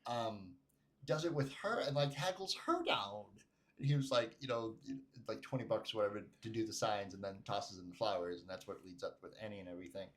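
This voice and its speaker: Low-voiced animated man on a podcast. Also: fairly quick. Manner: animated storyteller, acts out quotes. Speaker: podcast co-host. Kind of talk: casual chat.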